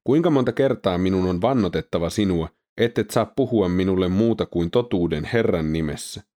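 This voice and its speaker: A man's voice: sits low, warm tone, lightly acted. A man voicing a resentful, commanding king of Israel in a scripture reading.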